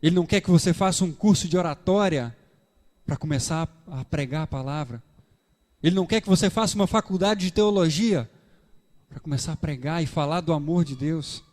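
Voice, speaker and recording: A man preaching a sermon with a Brazilian Portuguese accent, animated, acting out dialogues in shifting voices. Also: on the high side, brisk. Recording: reverberant church hall.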